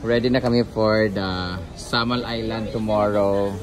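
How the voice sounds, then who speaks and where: A man's voice: fairly low pitch, steady tone, measured pace. A man with a Filipino accent chatting casually as he films a vlog. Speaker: vlogger.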